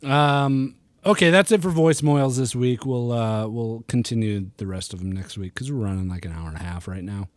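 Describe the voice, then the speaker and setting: A man's voice: medium pitch, moderate pace, hardly any pauses, dry recording. A man from Milwaukee hosting a gaming podcast, chatting casually in a joking, rambling way. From Milwaukee, USA. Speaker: podcast host.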